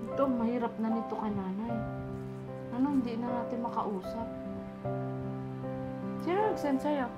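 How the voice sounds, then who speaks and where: A woman vlogger in casual chat, coaxing and repeating her questions loudly to an elderly woman. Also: on the high side, normal speed, loud music behind the voice.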